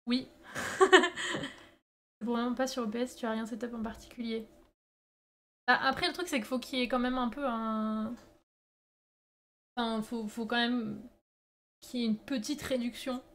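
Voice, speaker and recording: Female streamer, slightly high-pitched, informal chat with viewers, hesitant stop-and-start delivery. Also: little pitch movement, normal speed, pauses often, a bit bright. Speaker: live streamer making pottery.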